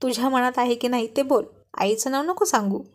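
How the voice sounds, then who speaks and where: A woman's voice: a little high, fairly quick, a little mellow, lightly acted. A woman voicing a teasing young husband.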